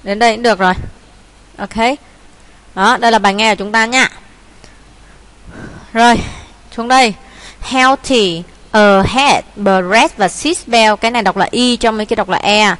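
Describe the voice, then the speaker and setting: A woman's voice: on the high side, fairly even intonation, a bit bright. Woman teacher with a Vietnamese accent. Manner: thinking aloud, many fillers, reads English words slowly. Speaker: English teacher. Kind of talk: explaining a test paper.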